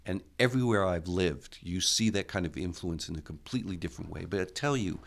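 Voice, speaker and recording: A man raised in the Netherlands, answering interview questions with animated storytelling. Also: deep voice, a little fast, creaky. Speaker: architecture school head, interviewee.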